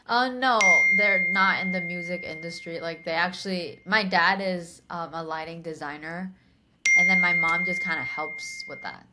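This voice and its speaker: A woman's voice: on the low side, fairly even intonation, moderate pace, very noisy. A young woman in her twenties from Taiwan, answering interview questions in a chatty, casual way with many fillers. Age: 20s. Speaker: guest, DJ and producer.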